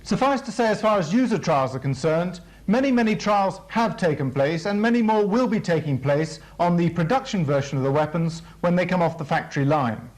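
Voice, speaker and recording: In a rough recording, a British man with a strikingly high voice gives a formal military briefing. Like a training film presenter reading a script, he explains things in a measured, expressive way.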